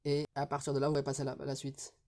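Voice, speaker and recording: A man's voice: medium pitch, monotone, darkish tone. A man teaching reading in a recorded video lesson, drilling syllables one by one and patiently explaining pronunciation. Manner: slow, deliberate syllable-by-syllable drilling.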